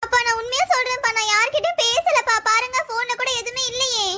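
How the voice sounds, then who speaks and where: A woman's voice: very high voice, fast, pushed and bright, slight background noise. A woman voicing a defiant, sulky teenage daughter in a family skit.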